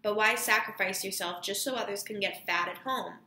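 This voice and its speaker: A woman's voice: mid-range voice, a little fast, sharp tone, roomy sound, lightly acted. A woman reading aloud the lines of a troubled young boy who speaks earnestly.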